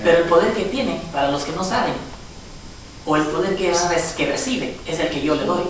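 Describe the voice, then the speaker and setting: A woman's voice: fairly low pitch, lively intonation, fairly quick, a little hiss or hum. A woman preaching a sermon, emphatic and rising into fervent exhortations. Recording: echoey hall from far off with congregation. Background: congregation responding.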